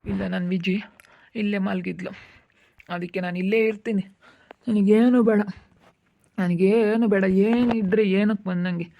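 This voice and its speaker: A woman's voice: medium pitch, lightly acted. A woman with a rural Chitradurga Kannada accent playing a grieving young village husband, wailing and pleading through sobs in a village family drama. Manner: wailing, pleading, repeating phrases. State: sobbing. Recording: tinny phone-like recording.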